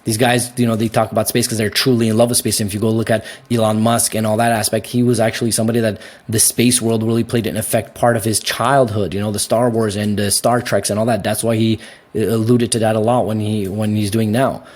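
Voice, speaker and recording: A young Canadian man answering interview questions in a casual, animated way, laughing easily and often restarting his sentences. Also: lowish voice, fast talker. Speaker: guest.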